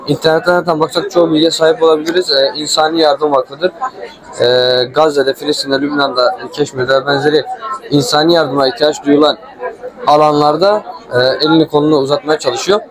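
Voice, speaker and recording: A man's voice: on the high side, low-quality recording. A young man speaking as a student club representative, giving an informal presentation in short, hesitant phrases. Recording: busy crowd chatter.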